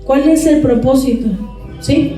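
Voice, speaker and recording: A woman's voice: sits high, a little slow, mellow. A woman preaching a sermon who keeps asking the congregation rhetorical questions for their assent. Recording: echoey church hall, mic far off, faint music.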